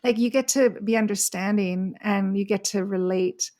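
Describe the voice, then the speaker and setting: A woman co-hosting a podcast in casual chat, easygoing and quick to laugh along. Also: medium pitch, steady tone, mellow. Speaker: podcast co-host.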